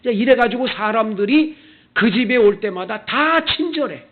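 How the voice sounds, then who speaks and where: Man, pastor, sermon, swooping lively pitch, thin phone-like sound. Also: moderate pace. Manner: animated preaching, acting out quoted customers in character. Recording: tinny, phone-like church video audio.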